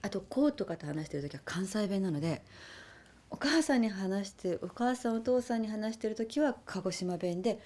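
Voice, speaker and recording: Soft-spoken woman, mellow and slightly husky, speaking thoughtfully as an interviewed actress. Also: mid-range voice, expressive, moderate pace. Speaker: actress interviewed about her film. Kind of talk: casual interview answers.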